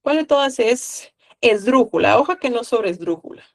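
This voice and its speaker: A woman's voice: a little high, lively intonation, normal speed. A woman from Guatemala with a Guatemalan accent, tutoring a live online class and coaxing students with questions.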